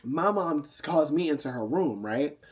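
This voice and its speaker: A man's voice: on the high side, expressive, moderate pace, slightly rough. A tipsy man telling a casual, profane story to camera, sassy and rambling, often losing his thread. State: drunk, tipsy.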